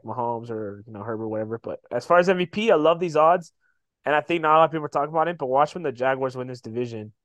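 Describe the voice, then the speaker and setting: A man's voice: mid-range voice, no room sound. Casual, slangy guy talking sports, dry sound. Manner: slangy, profane, says "bro" often. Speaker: sports podcast host.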